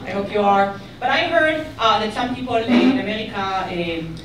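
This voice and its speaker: A woman from Israel with an Israeli accent doing a stand-up comedy set, deadpan and ironic with bursts of mock outrage. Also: mid-range voice, normal speed. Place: comedy club stage. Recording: echoey club, mic far away, audience noise. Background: audience laughter.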